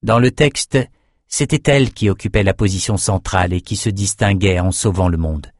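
A man narrating a fantasy audiobook in a fairly low voice. His storytelling is even and measured. The recording is very dry and close. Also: no room sound.

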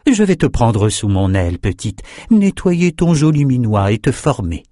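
A man's voice: medium pitch, very animated, normal speed, mellow, no echo, clean studio sound, close to an everyday voice. A man voicing an imperious, possessive woman who heads a circle of scholars, speaking with condescending sweetness. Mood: patronizing.

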